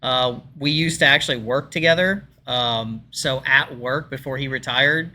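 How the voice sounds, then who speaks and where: A podcast co-host tells stories in a chatty, rambling way full of fillers during a casual chat. His voice is deep like his father's, bright and forceful at a moderate pace, with a little hiss or hum in the audio.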